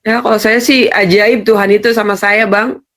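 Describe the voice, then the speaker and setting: A woman's voice: mid-range voice, steady tone, normal speed, fairly bright tone. A woman giving an earnest personal testimony in an interview, often addressing the host directly.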